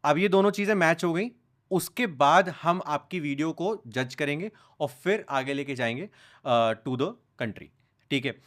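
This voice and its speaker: A young man speaks as a podcast guest, his voice sitting a little high for a man. He tells his stories with animation and slips English phrases into casual talk. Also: unhurried. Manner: animated storytelling, mixing English into speech. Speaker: news content creator, guest.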